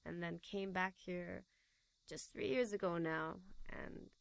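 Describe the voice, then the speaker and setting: A relaxed young woman from Taiwan talks as a guest in a casual interview. Her voice sits low with a gravelly fry. The sound is dry and close. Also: slow pace, no room sound. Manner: relaxed, laughs easily. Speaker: guest filmmaker.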